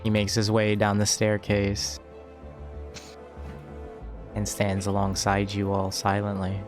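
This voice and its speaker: Male game master, lowish voice, slow delivery, tabletop narration. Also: completely flat delivery, soft background music.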